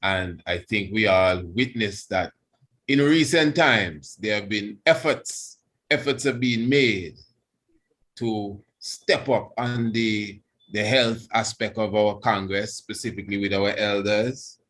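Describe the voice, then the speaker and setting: Deep voiced guy, rasta priest talk, reverent, halting, repeats himself as he gives thanks. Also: a bit bright. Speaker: priest giving a guest address. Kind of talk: reverent celebratory religious address, extemporaneous.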